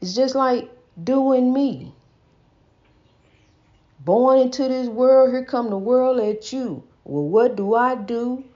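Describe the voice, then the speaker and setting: A woman with a fairly high, dark-toned voice speaks slowly as host of a casual, folksy inspirational preaching monologue. She states that she stutters, and she repeats herself and calls the listener honey. It's a dull lo-fi recording.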